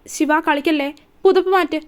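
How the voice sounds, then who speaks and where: A high-voiced woman reads out a young husband from a storybook romance. He is caring but stern, scolding his wife firmly. The voice stays light and bright, close to the reader's own. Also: fairly even intonation, moderate pace, lightly acted. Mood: tender. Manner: firm, scolding, then tender.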